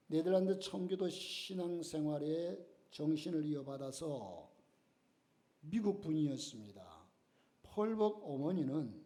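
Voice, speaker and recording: A man's voice: a little high, mellow. A male pastor telling a story in a Sunday sermon, dramatically acting out the quoted voices and prayers. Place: church sanctuary.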